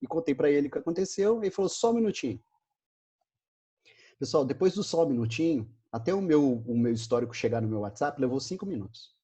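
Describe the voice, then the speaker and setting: A man's voice: on the high side, expressive, fast talker, hardly any pauses, dark tone, breathy edge. A man with a Brazilian Portuguese accent giving a virtual business talk, telling a story and acting out the dialogue with animation. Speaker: speaker.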